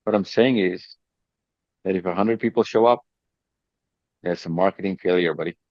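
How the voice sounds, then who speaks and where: A man leading a video call meeting, coaching his team in an emphatic, animated way and calling people "buddy". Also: deep voice, moderate pace, no echo, muffled recording. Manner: emphatic, calls people buddy, repeats words.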